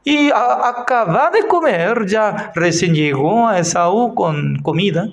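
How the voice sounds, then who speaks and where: A pastor teaching a bible class, speaking haltingly and searching for words, growing animated as he retells stories. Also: sits high.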